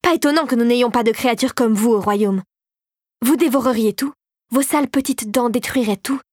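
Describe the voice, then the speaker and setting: A woman's voice: normal speed, dry recording, clean studio sound, lightly acted. A woman reading an audiobook, voicing a spiteful, scheming sugar plum fairy, a former doll turned regent, peevish and sly. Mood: furious. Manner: peevish, scheming, by turns shrill and hushed.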